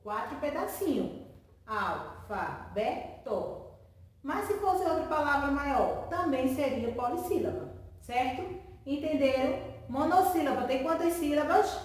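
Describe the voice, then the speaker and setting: A woman's voice: high voice, recorded from a distance. A woman teacher giving a remote lesson to children, stretching out words syllable by syllable and answering her own questions in a sing-song way. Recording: echoey room, voice from off-mic.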